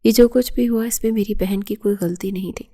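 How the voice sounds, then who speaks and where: A woman's voice: medium pitch, fairly even intonation, dark tone, lightly acted. Woman reading as an outspoken young sister. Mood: earnest.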